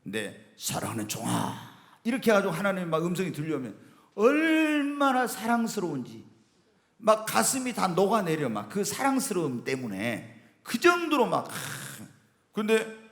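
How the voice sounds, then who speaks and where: Animated male pastor in an echoing hall. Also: high voice. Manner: animated storytelling, acting out his own remembered prayers. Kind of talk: evening worship sermon. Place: church sanctuary. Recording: echoey church hall reverb.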